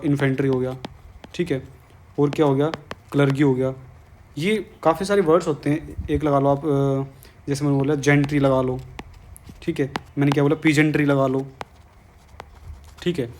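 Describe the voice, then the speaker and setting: A man's voice: mid-range voice, darkish tone, a little hiss or hum. A man with a Hindi accent teaching an exam-prep English grammar lesson, coaxing students and repeating his questions.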